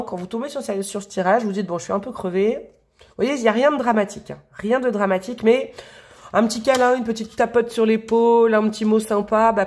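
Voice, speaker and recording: A woman giving a casual tarot reading to camera. She is chatty and affectionate, fills her talk with asides and fillers, and sounds a little sniffly from allergies. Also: medium pitch. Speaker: tarot reader.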